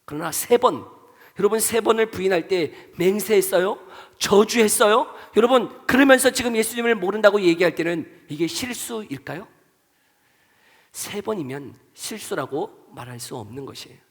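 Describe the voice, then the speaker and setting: A man's voice: sits high, lively intonation, moderate pace. A man preaching a sermon as pastor, acting out the voices of people in the story and asking the congregation many questions. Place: church sanctuary. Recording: long hall reverb.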